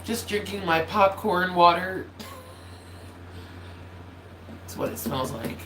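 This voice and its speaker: On a holiday livestream, a YouTuber rambles casually to viewers in a slow, medium-pitched, nasal voice that cracks slightly. They apologize a lot, lose the thread, and restart often, in a home room with roomy echo and the faint hum of a loud space heater.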